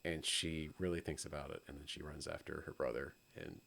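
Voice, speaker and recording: A man with a very deep voice co-hosts a film podcast. He talks through the plot in an easygoing, casual way. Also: fairly even intonation, fairly quick, creaky, a bit bright, slightly rough. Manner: laughs often, easygoing. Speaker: podcast co-host. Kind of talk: casual chat.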